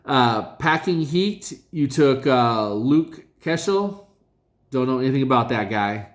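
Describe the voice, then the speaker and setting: Casually reviewing the draft picks from his fantasy league, this man speaks in a halting, meandering manner full of fillers and self-corrections. His voice is mid-range and expressive.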